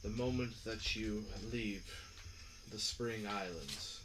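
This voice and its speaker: A man putting on a deep, hushed ancient spirit. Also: noisy background. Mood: solemn commanding. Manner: slow, solemn, commanding. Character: ancient commanding male spirit, master of servants. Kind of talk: game master voicing a character.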